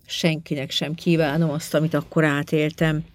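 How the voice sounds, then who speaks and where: A woman reading a first-person story aloud in a calm, measured, subdued way. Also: sits low. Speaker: audiobook reader. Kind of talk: first-person audiobook narration.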